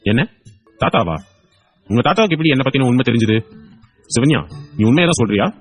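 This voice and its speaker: A man's voice: mid-range voice, expressive, a little fast, soft background music, natural voice. A man voicing a loving young husband in a hospital bed, playful and coaxing. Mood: tender. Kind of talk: audio drama acting.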